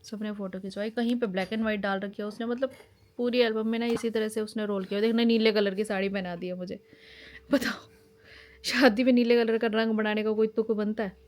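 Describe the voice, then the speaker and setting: Woman in her thirties, mid-pitched, lively casual vlog narration. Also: brisk. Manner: chatty, animated storytelling. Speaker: family vlogger. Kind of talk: casual chat while showing wedding album.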